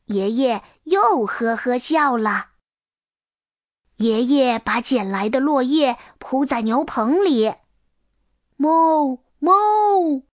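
A woman reading a children's storybook aloud, in a gentle, tender manner. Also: fairly high pitch, lively intonation, slow pace, dry recording, clean studio sound. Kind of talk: storybook read-aloud narration.

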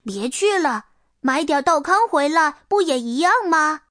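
A woman's voice: sits high, lively intonation, measured pace, fairly bright tone, no room sound, studio quality, pitched above the performer's own voice. A woman voicing a cheerful, caring little girl in a storybook reading. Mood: chirpy. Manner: sweet, coaxing, chirpy.

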